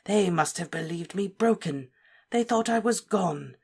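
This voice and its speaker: A woman voicing a cold, cruel male dark wizard lord, speaking softly, slowly and with deliberate menace. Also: fairly low pitch, animated, breathy edge, voice pushed up, exaggerated voice. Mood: menacing. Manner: soft, menacing, slow and deliberate.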